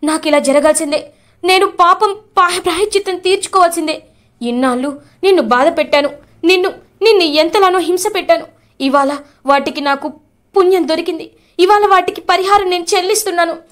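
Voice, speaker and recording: A woman's voice: very high-pitched, fairly quick, a bit bright. Woman voicing an angry wronged young man. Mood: remorseful. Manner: emotional, accusing.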